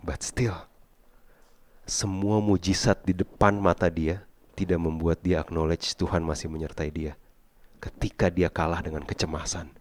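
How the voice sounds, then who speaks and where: Man preaching, lowish voice, dry close sound, slangy mix of English, loud bursts and quiet asides. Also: flat delivery, moderate pace, dry recording. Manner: Jakarta slang mixed with English, dramatic swings from loud to hushed. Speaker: pastor. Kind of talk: sermon.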